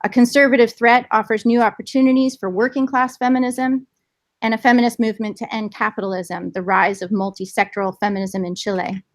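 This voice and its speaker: A woman moderating a panel at an event, introducing the speakers with frequent ums in a relaxed, friendly way. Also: fairly high pitch, a little fast. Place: indoor event room.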